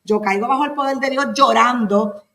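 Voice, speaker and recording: A woman's voice: a little high, moderate pace. A woman, a podcast guest giving a personal faith testimony and acting out the voices of people in her story. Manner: animated storytelling, acting out quoted speech.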